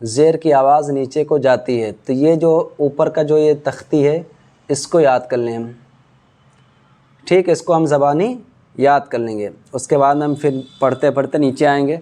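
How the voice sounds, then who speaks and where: A man teaching Quran reading in a slow drill lesson, patiently spelling out letters and vowel marks syllable by syllable. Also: a little high, warm tone.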